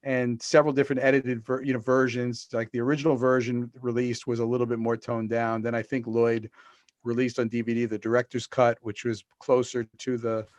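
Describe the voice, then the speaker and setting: With a flat delivery and a brisk pace, this mid-range male voice belongs to a middle-aged author guesting on a video-call podcast. He rambles at length, with frequent fillers and restarts, and there's no room sound in the recording.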